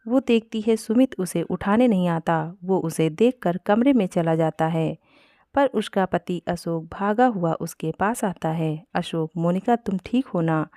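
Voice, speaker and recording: A woman narrating a family storybook in a steady, plain reading style. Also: on the low side, a little slow, no echo, studio quality.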